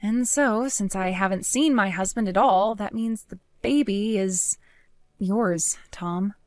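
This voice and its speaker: A scheming young wife who has been unfaithful, coaxing and pleading in a middle-pitched voice, as a woman acts her out. The sound is dry and close, with no room around it. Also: takes it slowly, a little mellow, no room sound, lightly acted.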